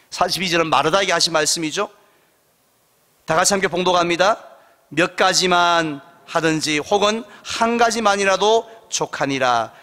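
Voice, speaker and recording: Pastor preaching, bright voice that swoops up and down, echoey church. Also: male voice, sits high. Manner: lively storytelling with rhetorical questions. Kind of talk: sermon. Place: church sanctuary. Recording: reverberant church hall.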